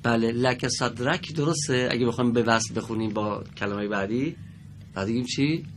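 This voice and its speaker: A man teaching Quran recitation to a class, patiently correcting and praising students and slowly modeling the verses. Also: mid-range voice, slight background noise. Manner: drawn-out slow recitation when modeling verses. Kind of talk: classroom lesson with students reading aloud.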